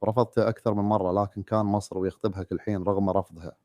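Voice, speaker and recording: Fast-talking deep-voiced male storyteller. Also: flat delivery, mellow, no room sound, clean studio sound. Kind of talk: storytelling narration.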